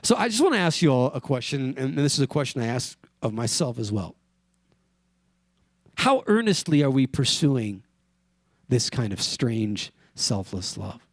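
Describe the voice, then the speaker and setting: A man from Wyoming preaching a sermon as pastor, in an earnest, conversational way, asking the congregation questions and dropping softly on key words. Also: medium pitch, very animated, normal speed, no room sound.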